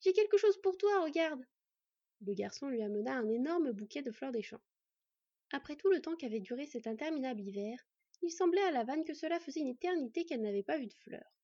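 A woman narrating a story aloud in a calm, even reading voice, in a slightly muffled recording. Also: high-pitched, fast, slightly rough, no room sound.

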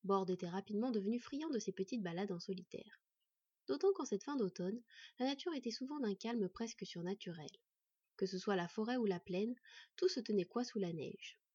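Husky woman reading a fantasy tale. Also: medium pitch, no room sound. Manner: steady, measured reading. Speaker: storyteller. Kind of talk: fantasy audiobook narration. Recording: dry, slightly dull recording.

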